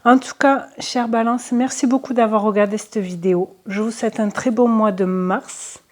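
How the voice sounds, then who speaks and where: A woman doing a casual card reading for her viewers, chatty and hesitant, with many fillers and soft asides. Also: a little high, steady tone, normal speed. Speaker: tarot and oracle card reader.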